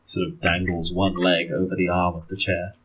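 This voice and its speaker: A man narrating a tabletop roleplaying game as game master, deliberate, pausing between descriptive phrases. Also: low-pitched, flat delivery, a bit bright, husky, low-quality recording.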